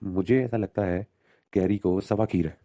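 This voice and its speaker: A man doing a deep, muddled dimwit guest. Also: steady tone, normal speed, warm tone. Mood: confused. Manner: confused, muddled replies. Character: slow-witted man guest who mishears words.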